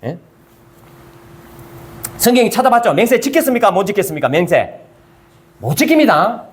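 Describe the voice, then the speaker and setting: A man preaching a sermon, who asks the congregation questions, answers them himself and reads scripture in a measured way. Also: high voice, big pitch swings. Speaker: pastor. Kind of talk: sermon, Bible review.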